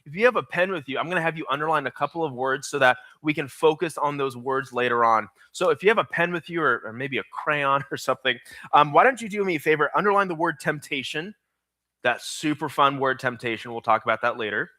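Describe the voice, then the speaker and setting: A young man preaching energetically to middle school students, slowing down to stress key phrases. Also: on the high side, pushed and bright, no echo. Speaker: youth pastor.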